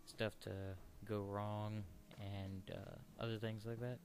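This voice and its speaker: A man giving casual, rambling let's play commentary, halting and searching for words. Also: fairly low pitch, flat delivery, creaky, noisy background.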